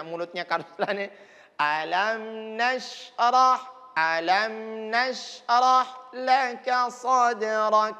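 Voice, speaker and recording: A woman teaching children Quran recitation on TV, patiently modeling each verse slowly and counting the pupils in. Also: mid-range voice, pushed and bright, long reverb tail.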